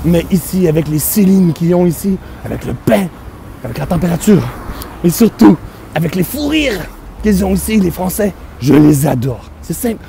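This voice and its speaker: A man's voice: high voice, vocal fry, mellow, slight background noise. Playful Québécois man vlogging outdoors. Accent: Québécois French. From Quebec. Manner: playful, self-mocking, exaggerated. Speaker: mindfulness speaker. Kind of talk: comedic vlog to camera. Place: outdoors on a city street.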